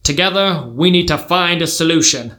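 A man voicing a stern American father who leads a rescue team, in a put-on American accent, slow and dismissive. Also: fairly high pitch, sharp tone. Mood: solemn.

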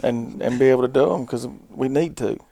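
A man's voice: mid-range voice, fairly quick, creaky, mellow, no echo. A man chatting casually and colloquially as a co-host on a podcast. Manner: folksy, colloquial. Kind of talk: casual hunting podcast chat.

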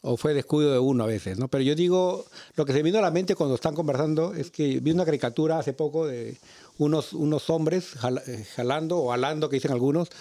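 Un hombre que conduce una charla religiosa, reflexivo y con arranques titubeantes. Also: male voice, fairly high pitch, mellow. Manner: reflective, hesitant starts. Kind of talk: casual religious chat.

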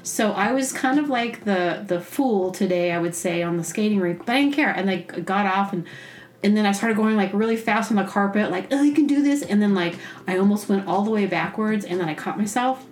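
A woman hosting a podcast tells rambling, self-deprecating comedic stories, acting out her own reactions. She speaks a little fast in a mid-range voice, and the sound is roomy and echoey.

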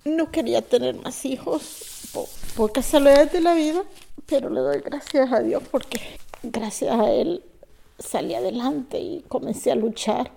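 A Salvadoran woman in her fifties, an immigrant learning English, giving a halting, soft personal testimony that sometimes drops to a whisper. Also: high-pitched, gravelly. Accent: Salvadoran Spanish.

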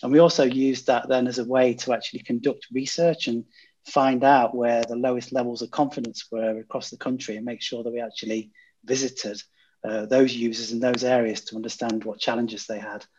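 A man's voice: medium pitch, little pitch movement, fairly quick, darkish tone, a little hiss or hum. A man guest, a design consultant, telling a project story in a conversational way, with many "uh" fillers and restarts. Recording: dull lo-fi audio.

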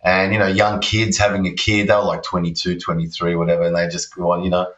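A deep, low-voiced Australian man chats in a loose, rambling way, full of ums and you-knows. His voice sits back from the mic in a roomy space. The audio is dull and muffled. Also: completely flat delivery, fast, a bit bright, distant mic. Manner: rambling, laid-back, many fillers. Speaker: guest guitarist. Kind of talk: casual storytelling interview.

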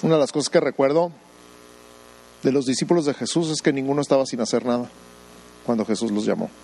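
A man pastor delivering a lively sermon. He peppers the congregation with rhetorical questions, slips into mocking voices of doubters, and throws in joking asides, all in a middle-pitched voice. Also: fast talker, gravelly, a little hiss or hum, poor audio.

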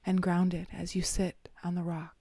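A woman leads a guided meditation in a hushed, half-whispered voice, lingering through long pauses. Her tone is low and mellow and stays almost level from phrase to phrase. The sound is close and dry, with no room around it. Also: little pitch movement, dry recording.

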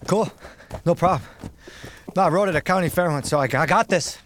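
An actor from the United States playing an easygoing, awkward young American commoner who stammers and hesitates. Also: male voice, a little high, a little fast, slight background noise, natural voice. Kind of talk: audio drama acting.

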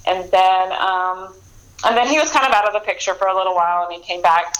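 A woman author chats casually about her books in an interview, rambling with lots of ums and restarts and laughing often. Her voice is medium-pitched, brisk, and fairly bright, and the recording is rough.

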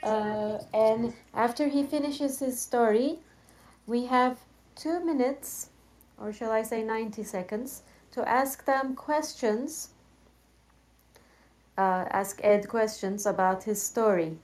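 Chatty woman co-host, slightly high voice, laughs easily, talking on a video call. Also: takes it slowly, darkish tone. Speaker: co-host of a tango talk show. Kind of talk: casual chat on a video call.

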